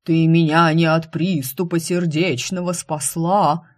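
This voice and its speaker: A woman voicing a lovesick young man who loudly and slowly wails a clumsy serenade up at a window. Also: low-pitched, steady tone. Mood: mournful serenade. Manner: loud drawn-out mournful wailing.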